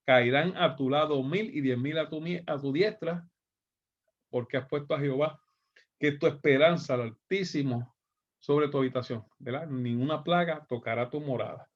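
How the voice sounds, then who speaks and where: A man's voice: fairly high pitch, normal speed, dull audio. A man teaching a Bible class, reading scripture aloud and explaining it, often checking in with "¿verdad?".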